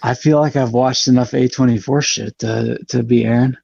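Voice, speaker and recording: A man with a heavily gravelly, raspy voice chimes in with quick jokes as a trivia contestant. His audio comes through dull and lo-fi over a call. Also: mid-range voice, fairly even intonation, darkish tone, dry recording. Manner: wisecracking, chiming in with quick jokes. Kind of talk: casual online show banter.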